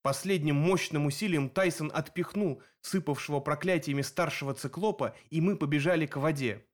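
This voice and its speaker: A man reading a first-person action audiobook aloud in a steady, vivid storytelling manner. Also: a little high, a little fast. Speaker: audiobook narrator. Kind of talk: first-person scripted narration.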